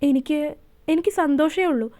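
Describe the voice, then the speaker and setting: A woman's voice: sits high, normal speed, a little mellow, natural voice. A woman voicing an emotional middle-aged mother who speaks kindly and falters a little. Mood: moved.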